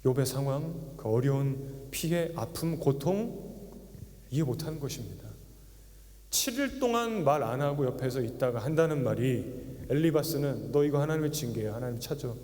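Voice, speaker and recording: A man's voice: medium pitch, animated, moderate pace, a little mellow, big-room sound. A male pastor preaching a sermon, often acting out quoted speech with heated emotion. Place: church sanctuary.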